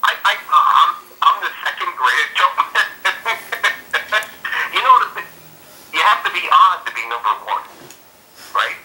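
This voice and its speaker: Guy on speakerphone, jokey rambly stories, bright voice bouncing all over, echoey. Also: a little high, lively intonation, unhurried, long pauses. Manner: joking, rambling storyteller. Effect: heard over a speakerphone. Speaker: friend on a phone call. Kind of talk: casual phone chat.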